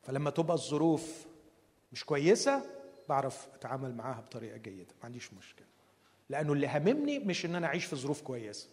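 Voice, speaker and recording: A man's voice: high-pitched, long reverb tail. A man with an Egyptian accent preaching a humorous, conversational sermon at a conference. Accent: Egyptian Arabic.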